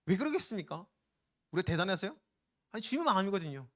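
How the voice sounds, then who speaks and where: A male pastor preaching a sermon with urgent emphasis, dropping now and then into slow, drawling voices as he quotes people. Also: high voice, big pitch swings.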